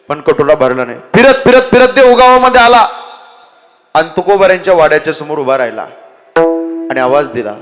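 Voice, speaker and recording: A high-pitched male preacher from Maharashtra, swinging between chanted verses and emphatic storytelling aimed at the gathered villagers. His voice comes over a PA and trails into a long hall reverb. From Maharashtra, India. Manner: sing-song chanting, emphatic, addresses villagers. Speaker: kirtan preacher. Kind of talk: devotional kirtan sermon with storytelling.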